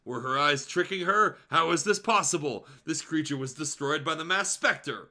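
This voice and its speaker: This man's voice is a little high and sharp, with lively intonation and a moderate pace. Reading fan fiction as a streamer, he tells the story dramatically in a casual manner, adding asides and small self-corrections over music.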